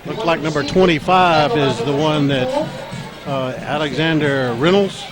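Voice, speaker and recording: A man with a scratchy, strained voice does play-by-play for a high school football game, halting often with fillers and lifting when a run breaks loose. Crowd noise and band music sit under his voice.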